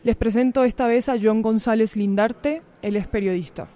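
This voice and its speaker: A podcast host giving a measured, scripted introduction that speaks directly to listeners. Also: medium pitch.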